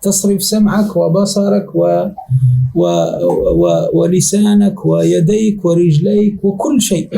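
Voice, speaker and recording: High, dark-toned sheikh teaching rhetoric. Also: male voice, vocal fry, rough recording. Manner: repeats definitions slowly, checks understanding often. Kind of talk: classroom lesson explaining a text.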